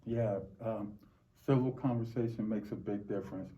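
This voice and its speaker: A middle-aged American man from Los Angeles giving reflective, halting interview answers, often repeating words. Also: on the low side, fairly even intonation, warm tone. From Los Angeles, United States. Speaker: interview guest. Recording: dull, muffled lo-fi recording.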